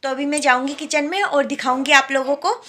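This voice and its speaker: Bright-voiced young Indian woman vlogging. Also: sits high, fairly quick. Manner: chatty, explains while showing things. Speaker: vlogger, new mother. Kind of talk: casual home vlog narration. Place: home, indoors.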